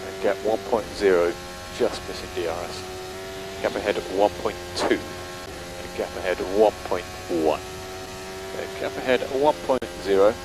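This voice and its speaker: Guy doing race engineer updates over radio, lowish voice, clipped and factual, noisy car sound behind. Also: unhurried. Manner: clipped, matter-of-fact. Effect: team radio transmission.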